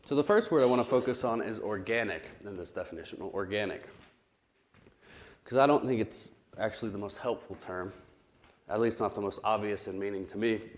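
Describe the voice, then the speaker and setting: Still getting his voice back after being ill, a man leads a Bible study, carefully explaining terms with frequent pauses and restarts. He speaks in a lowish voice.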